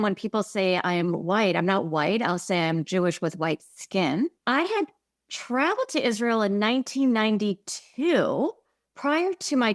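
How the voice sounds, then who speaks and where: A Midwestern woman co-hosts a podcast, speaking in a medium-pitched voice that is reflective and earnest during conversational chat. The dry, close mic leaves no room sound.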